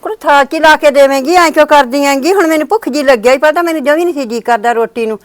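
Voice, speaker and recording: A woman's voice: high-pitched, fast, dry recording, lightly acted. A woman playing a sick, aggrieved old mother-in-law who complains and calls on God. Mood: pleading. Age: older. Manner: lamenting, complaining, appeals to God. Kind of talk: village short-drama acting.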